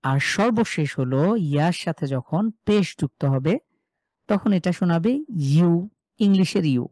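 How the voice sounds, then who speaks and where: A man teaching a live Quran recitation class, slowly drilling Arabic syllables with many repeats and explaining mouth positions step by step. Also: fairly high pitch, expressive, darkish tone, no echo, rough recording. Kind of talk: live online tajweed class.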